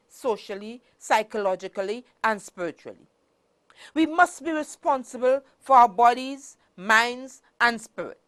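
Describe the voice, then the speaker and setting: A woman with a high voice delivers a prepared motivational speech. She speaks in formal, emphatic phrases, deliberately placed. Her R's are not fully formed and sound close to W's. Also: fairly bright tone. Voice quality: cannot pronounce R's properly, says w-like sound for r.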